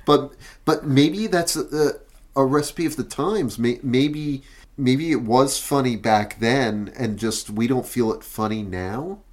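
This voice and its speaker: A man co-hosting a podcast, chatting about a film in a hesitant, halting way and repeating his words. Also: medium pitch. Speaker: podcast co-host. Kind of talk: casual chat reviewing a film.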